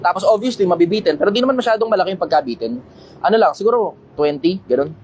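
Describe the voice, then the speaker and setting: Fast, high-voiced blunt man. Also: expressive, husky, low-quality recording. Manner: blunt, swears casually, loud when making a point. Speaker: livestream host answering questions. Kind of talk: casual livestream Q&A.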